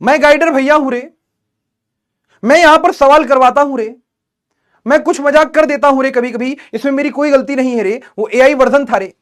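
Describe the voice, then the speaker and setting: A man putting on a joking tutor voice that ends every sentence with a drawn-out "re". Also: extremely high pitch, fairly even intonation, a bit bright. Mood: jokey. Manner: tacks a drawling "re" onto every line. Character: silly self-styled big-brother tutor.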